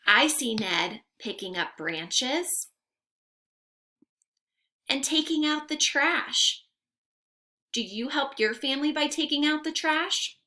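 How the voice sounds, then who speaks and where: In a room at home, a young woman teacher reads aloud to small children in an interactive lesson, sing-song and carefully enunciated, asking them questions. Her high, expressive, pushed and bright voice moves slowly, with long pauses.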